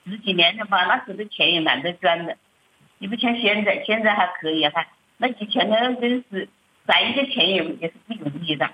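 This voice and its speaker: On a muffled lo-fi recording, a middle-aged churchwoman hesitantly describes her family's troubles, her telling plaintive and full of repeated words and restarts. She has a mid-range, breathy-edged voice and speaks briskly.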